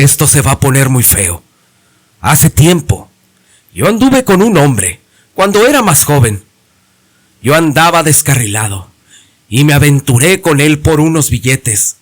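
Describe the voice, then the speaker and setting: A blunt, fearful young hunter's apprentice, as a male narrator puts him on. He gives slow, ominous warnings. His voice sits fairly high and his pitch swings widely. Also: a bit bright, heavily acted.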